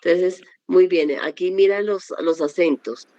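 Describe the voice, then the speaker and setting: A woman's voice: fairly low pitch, steady tone, measured pace, dark tone, no room sound. Female teacher, patient and methodical, dry muffled classroom recording. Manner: patient, explains step by step with examples. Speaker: Greek teacher. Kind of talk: classroom lesson.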